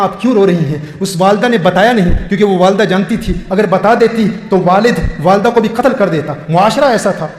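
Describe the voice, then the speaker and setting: A man's voice: sits high, darkish tone. A male preacher telling a moving story in a sermon, with heartfelt, repetitive phrasing. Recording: echoey hall with long reverb.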